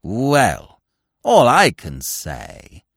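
A man voicing an excitable young gentleman who speaks in a high, agitated way. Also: slow, no room sound, studio quality, exaggerated voice. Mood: agitated, sulky.

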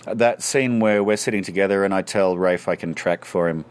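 A man's voice: sits low, normal speed, clear, resonant tone. A man, an actor telling stories in a casual interview. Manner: animated anecdote teller. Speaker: actor guest.

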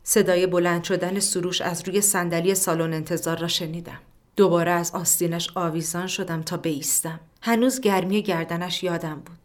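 A woman narrating a literary story in a somewhat low voice. Her reading is calm and measured, and it sinks into a hush for the quieter inward passages.

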